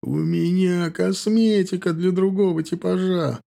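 A man's voice: mid-range voice, normal speed, dark tone, natural voice. A man playing an anxious, fussy male hairdresser who moans fretfully. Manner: fretful, moaning.

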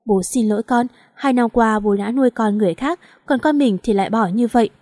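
A woman's voice: a little high, fairly quick, mellow, no echo, clean studio sound, close to an everyday voice. A woman voicing a heartbroken young husband who speaks bitterly and accusingly, choked with regret. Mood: tearful.

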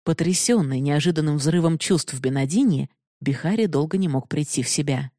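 A woman narrating a novel in a steady, measured reading style. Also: low voice, dry recording, studio quality. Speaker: audiobook narrator. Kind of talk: scripted narration.

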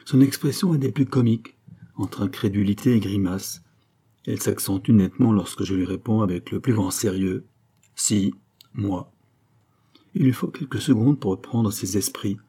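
Male narrator, low and husky, calm measured novel reading. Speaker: audiobook narrator. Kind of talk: scripted first-person novel narration.

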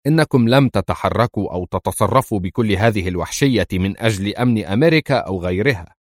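A stern, sarcastic man who pours scorn on the powerful, as a man voices him in a storybook. The voice is low and lively in pitch. It sounds close and dry. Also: fast, dry recording. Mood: scornful.

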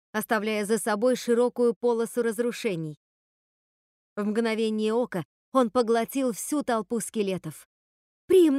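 A woman narrating a dark fairy tale audiobook in a steady, dramatic storytelling manner. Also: on the high side, no room sound, studio quality.

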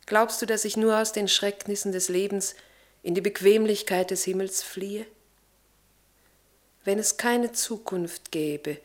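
A woman's voice: mid-range voice, natural voice. Earnest, devout Lavinia, played by a woman. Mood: solemn resolve. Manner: earnest, expressive, swelling from hushed to fervent. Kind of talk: German radio play acting.

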